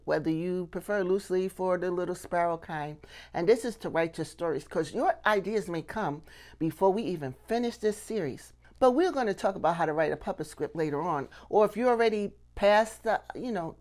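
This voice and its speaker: Her voice is fairly low and a touch mellow as this middle-aged channel host walks viewers through a puppetry lesson. She keeps it chatty, asking rhetorical questions and repeatedly checking "okay?"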